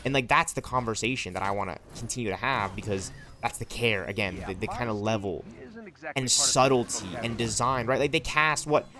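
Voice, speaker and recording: Crowd noise surrounds a brisk, mid-range male voice. The speaker, in his twenties, is livestreaming a game and rambling passionately to his chat, tacking "right?" and "you know what I'm saying?" onto his lines.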